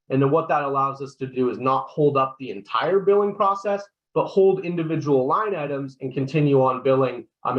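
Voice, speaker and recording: Man walking through a software demo. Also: medium pitch, highs cut off. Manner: explanatory, keeps checking in with "right?", frequent fillers and restarts. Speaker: solution consultant presenting a software demo. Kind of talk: webinar product walkthrough.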